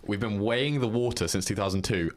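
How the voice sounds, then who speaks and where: A young man co-hosting a casual science chat show, excitable and quick to jump in with mock exasperation. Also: on the low side. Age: young adult. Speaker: co-host.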